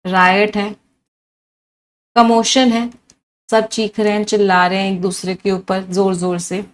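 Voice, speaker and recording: A woman's voice: medium pitch, measured pace. A woman teaching English vocabulary in a live online class, mixing Hindi and English, listing synonyms one after another and asking her students questions. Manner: lively teacher who lists many synonyms and quizzes her students.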